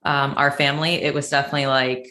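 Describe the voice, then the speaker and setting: Low-voiced chatty woman host, roomy echo. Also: flat delivery, fast, sharp tone. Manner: chatty, loose phrasing with many fillers. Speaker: podcast host. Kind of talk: casual interview chat.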